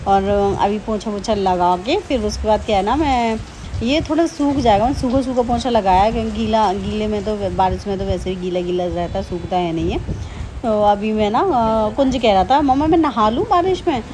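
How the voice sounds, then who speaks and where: A woman's voice: medium pitch, moderate pace, warm tone, slight background noise. A woman in her thirties, a homemaker, chatting casually in a daily home vlog, rambling with many fillers and restarts. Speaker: vlogger, homemaker. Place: home during heavy rain. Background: faint rain and ambience.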